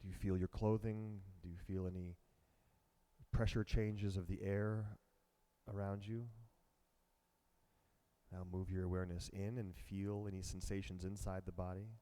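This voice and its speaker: A man with a lowish, mellow voice leads a guided meditation. He talks slowly and softly, in calm, measured instructions. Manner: slow, calm and soft-spoken. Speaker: meditation teacher.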